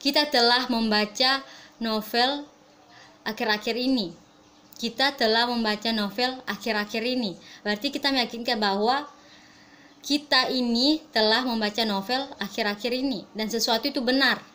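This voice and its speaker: A young Indonesian woman giving a class grammar presentation, reading English examples slowly and explaining quickly. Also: fairly high pitch, pushed and bright, low-quality recording. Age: young adult. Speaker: student presenter.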